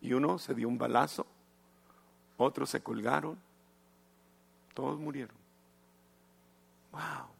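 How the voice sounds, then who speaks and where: Gravelly-voiced man preaching with fervor. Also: mid-range voice, fairly even intonation. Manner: swings from hushed to shouting, dramatic pauses; mixes English phrases into his talk. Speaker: pastor. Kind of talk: evangelistic sermon.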